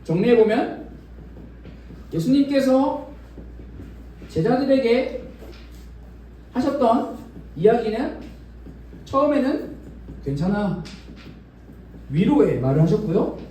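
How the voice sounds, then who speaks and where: A man's voice: very high voice, sing-song, slow, pauses often, warm tone, slight background noise. A man giving a children's sermon in a church, asking the kids questions and acting out imagined dialogue. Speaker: children's ministry preacher. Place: church worship room. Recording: very echoey room, from a distance.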